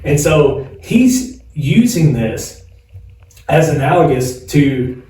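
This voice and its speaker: A man's voice: fairly high pitch, animated, takes it slowly, warm tone. A man in his forties co-hosting a podcast, talking casually in a chatty, rambling way and laughing often. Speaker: podcast co-host. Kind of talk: casual chat. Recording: echoey room, distant mic, faint hiss.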